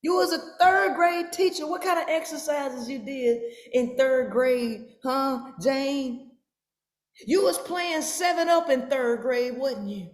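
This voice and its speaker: A woman hosting a podcast, giving a mocking, profane reaction commentary with emphatic, sometimes shouted lines. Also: high-pitched, takes it slowly. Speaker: podcast host. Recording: roomy echo.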